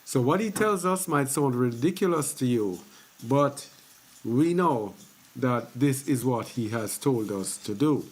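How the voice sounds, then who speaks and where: A man's voice: medium pitch, lively intonation, slightly rough. A man hosting a religious teaching video, speaking casually and repeating points for emphasis. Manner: slow, conversational, repeats phrases for emphasis. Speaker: host of a faith teaching channel.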